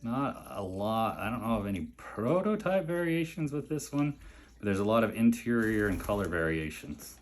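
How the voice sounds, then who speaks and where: Here the collector's voice is on the low side and sing-song, at a normal pace. He unboxes his mail delivery casually, admiring the pieces, chatting as he goes and addressing his pet between items.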